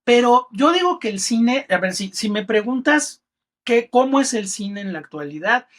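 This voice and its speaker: A man's voice: extremely high pitch, normal speed. A middle-aged man with a Mexican accent, a film critic talking as a guest in a podcast interview and telling stories expressively. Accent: Mexican Spanish. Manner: expressive storyteller who acts out quotes in other voices.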